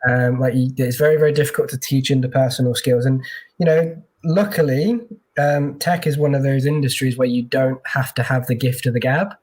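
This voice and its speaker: A man's voice: medium pitch, steady tone, fairly quick, a little mellow. Chatty man recruiter on a call. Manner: chatty, many fillers and restarts. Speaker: tech recruiter guest. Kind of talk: casual interview talk.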